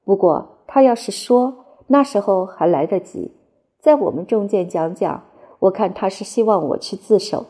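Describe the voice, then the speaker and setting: A woman's voice: mid-range voice, moderate pace, mellow, lightly acted. A woman voicing a boastful male fencing master and former soldier, telling his story to a laughing crowd with a mocking, theatrical manner. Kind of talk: audiobook character voice.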